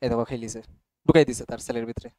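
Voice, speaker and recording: A man's voice: mid-range voice, fairly even intonation, very fast, darkish tone, no room sound, clean studio sound. A young man teaching a class casually and often checking whether students follow. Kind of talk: classroom biology lesson.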